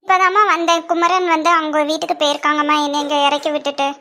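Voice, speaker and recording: A woman's voice: sits high, fairly even intonation, fast, pushed and bright. A woman with a Kanyakumari Tamil accent voicing young women and a fussing mother in a family cartoon, with a scolding, teasing manner.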